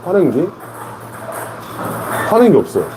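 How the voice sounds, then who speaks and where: A man's voice: sits high, wildly swooping pitch, a little slow, music in the background. A man in his thirties, a table tennis coach chatting on a live stream, laid-back and repeating short phrases. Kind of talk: casual live-stream chat. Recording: noisy live-stream audio.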